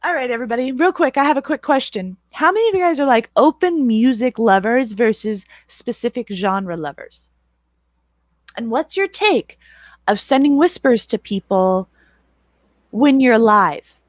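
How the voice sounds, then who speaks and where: A woman's voice: on the high side, lively intonation, normal speed, no echo. A woman hosting a casual livestream, loosely asking her chat questions and laughing easily. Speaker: streamer host.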